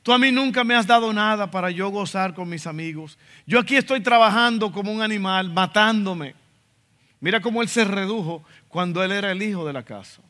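A Dominican pastor from the Dominican Republic, with a high, sharp-toned voice and a Dominican accent, preaches a sermon in a church sanctuary. The reverberant hall carries his emphatic delivery, and he acts out quotes in asides.

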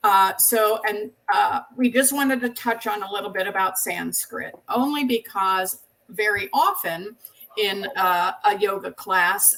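A woman's voice: mid-range voice, a little slow, a bit bright, a little hiss or hum, low-quality recording. Friendly-sounding chatty lady host walking thru slides, laughs a lot. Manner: chatty, laughs often, leads through slides. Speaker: podcast host. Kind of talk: podcast conversation.

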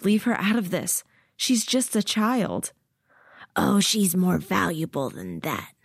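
A man's voice: high voice, huge pitch swings, slow, gravelly, no room sound, studio quality, exaggerated voice. A woman narrator voicing a cold, menacing male military officer who taunts through clenched teeth.

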